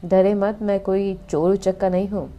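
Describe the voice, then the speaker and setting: A man's voice: high-pitched, little pitch movement, normal speed, dull audio. A woman voicing a friendly, teasing young male medical student chatting on a train in a storybook narration. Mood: friendly chatty.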